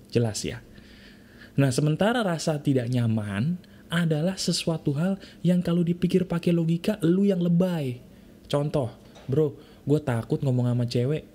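A man's voice: a little high, moderate pace, warm tone, breathy edge. A man giving a motivational monologue, lecturing the listener, repeating his points and asking rhetorical questions, mixing formal speech with casual slang. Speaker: motivational speaker.

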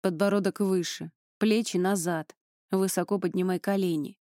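A woman's voice: medium pitch, fairly even intonation, moderate pace, dark tone, no room sound, close to an everyday voice. A woman doing a bossy young drill guy barking orders, dry sound. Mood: commanding. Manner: barking commands. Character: strict young male drill instructor.

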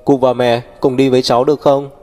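A doting old great-grandfather, voiced by a male audiobook reader, in a mellow, darker voice. He fusses over the little ones with cheerful exclamations. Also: medium pitch, flat delivery, fast talker, soft background music, natural voice. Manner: warm, fussing and cheerful.

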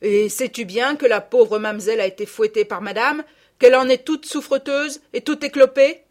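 The audiobook character, a middle-aged peasant woman working as a gardener, speaks in blunt rustic tones, scolding and gossiping, and she sounds indignant. The woman reading her uses a mid-range voice at normal speed that stays near her everyday voice.

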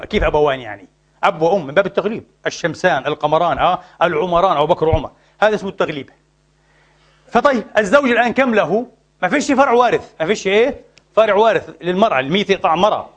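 A man, teaching Islamic jurisprudence in an animated lecture, repeatedly asking listeners to finish his sentences. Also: high voice. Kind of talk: lecture with call-and-response questions.

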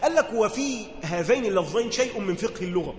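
A man with an Egyptian accent teaches a religious lesson in a high, light voice. He moves between formal reading and relaxed dialect and often stops to ask his listeners questions. The recording has the long, roomy reverb of a hall with faint ambience behind. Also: fast, a little hiss or hum. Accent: Egyptian Arabic. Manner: conversational, asks listeners questions to check understanding. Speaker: teacher explaining Quran commentary.

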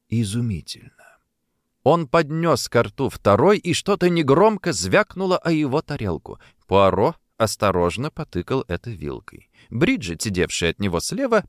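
A man narrating a mystery audiobook in an expressive, varied reading. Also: medium pitch, dry recording, studio quality.

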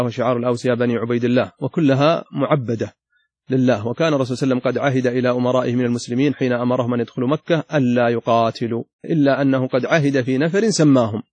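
Fast-reading male scholar, dry close sound. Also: mid-range voice, darkish tone, no room sound. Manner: reads passages, then restates them in his own words with added emphasis. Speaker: Islamic scholar teaching a lesson. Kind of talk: reading a classical text aloud and explaining it.

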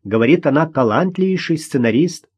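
A man voicing a gentle young screenwriter who speaks softly to calm a quarrel in an audiobook. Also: a little high, a little fast, husky, voice pushed up. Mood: placating. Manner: soft, soothing, conciliatory. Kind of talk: audiobook character voice.

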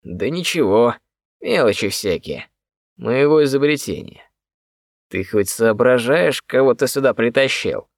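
A man's voice: medium pitch, animated, a little slow, vocal fry, dry recording, clean studio sound. A man voicing a tired, irritable long-haired young man who grumbles in exasperation. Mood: weary. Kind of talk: audiobook character voice.

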